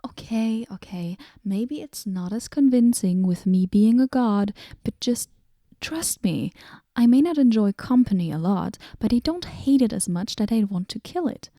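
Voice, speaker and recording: A woman voicing a moody, aloof female goddess in a whispered role-play, talking with dry sarcasm and drifting into soft whispers. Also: a little high, lively intonation, unhurried, no room sound.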